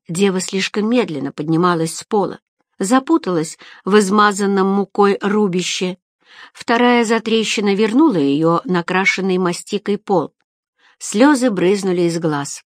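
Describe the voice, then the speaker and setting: A woman narrating a story aloud in an even, expressive manner. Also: medium pitch, no room sound, studio quality. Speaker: audiobook narrator. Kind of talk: scripted narration.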